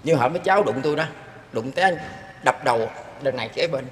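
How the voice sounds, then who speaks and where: A man's voice: medium pitch, lively intonation, fast. An older man telling his own experience in an earnest, rambling way, often turning to address his listeners. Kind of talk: casual spoken storytelling. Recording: echoey room with long reverb and faint background noise.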